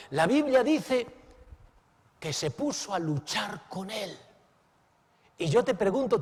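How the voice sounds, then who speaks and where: A man preaching a sermon as pastor. He is dramatic, swings between exclamations and hushed asides, and keeps asking the listeners questions. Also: high voice, breathy edge, in a large hall. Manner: asks the listeners direct questions.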